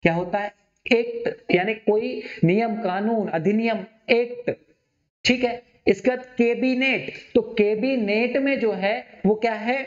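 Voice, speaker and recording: A man teaching a Hindi spelling class, asking his students questions and repeating words slowly. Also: high voice. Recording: dull, echoey classroom recording.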